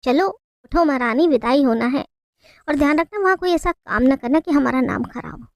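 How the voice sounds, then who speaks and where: Woman doing mocking sisters-in-law, taunting, sneering, high voice, dry close sound. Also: animated, moderate pace, gravelly, dry recording.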